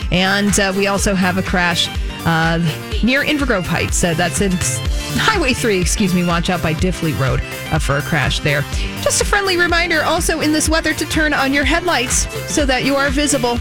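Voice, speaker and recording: Female American traffic reporter for radio traffic report, medium pitch, prominent music behind. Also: animated, moderate pace. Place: radio studio. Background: music bed.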